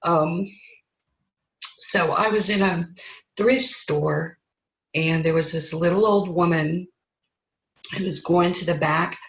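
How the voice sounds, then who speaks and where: Slow, earnest woman in an echoey room. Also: low voice, gravelly. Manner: slow, halting, earnest telling. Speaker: interviewee sharing a spiritual story. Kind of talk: personal storytelling in conversation.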